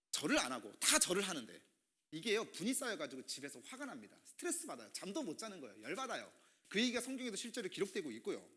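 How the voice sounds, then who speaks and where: A man preaching a youth sermon, talking casually and acting out little greetings and grumbles as he tells stories. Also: sits high. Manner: animated, acts out quoted greetings and grumbles. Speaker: youth pastor.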